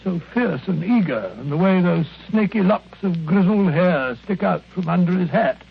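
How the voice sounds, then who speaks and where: Casting: indignant British sidekick doctor in vintage radio drama; creaky, spluttering, muffled recording. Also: male voice, high-pitched, expressive, moderate pace, heavily acted. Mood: flustered, observant. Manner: huffy, stammering, bumbling. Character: blustering, indignant, kindly English doctor sidekick. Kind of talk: mid-century radio drama acting. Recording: dull, noisy old radio recording.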